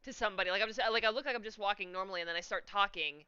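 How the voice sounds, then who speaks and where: A woman co-host with a bright, crisp voice chats loosely and asks her guest questions. The audio is dry and close, coming through a somewhat muffled video call. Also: mid-range voice, racing, no room sound. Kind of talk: casual chat on a video stream.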